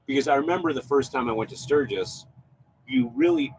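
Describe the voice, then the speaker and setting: A man, a photographer, co-hosting a casual chat and telling stories with lively laughter. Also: medium pitch, quick pace, slight background noise, rough recording. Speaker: co-host, photographer.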